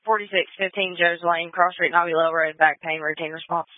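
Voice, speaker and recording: A man's voice: fairly high pitch, steady tone, fairly quick, no room sound. A male emergency dispatcher heard over a two-way radio, his voice squeezed into a thin, phone-like band. He reads out units and addresses in a clipped, matter-of-fact cadence. The sound is close and dry, with no room around it. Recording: tinny narrow-band radio transmission.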